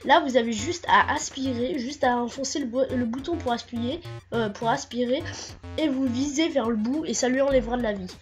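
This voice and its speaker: A woman with a high-sitting voice speaks a little fast, with faint music in the background. Stuffy and nasal from a cold, she commentates a game walkthrough hesitantly, full of fillers and restarts.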